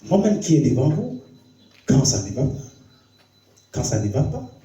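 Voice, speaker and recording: A man preaching as a pastor, telling a story in a sermon, his voice dropping low and hushed, then climbing high and excited. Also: moderate pace. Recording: roomy hall, voice from far off the mic.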